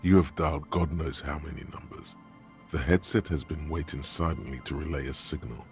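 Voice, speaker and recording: A man voicing a grave, brooding game narrator, delivering slow, dramatic, somber narration. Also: very deep voice, faint music behind.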